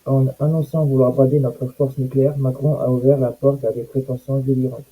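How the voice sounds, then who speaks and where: Husky sarcastic man commenting. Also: mid-range voice, level tone, brisk, mellow, low-quality recording. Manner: sarcastic, mocking asides. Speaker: commentator reacting to news and comments. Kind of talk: casual commentary.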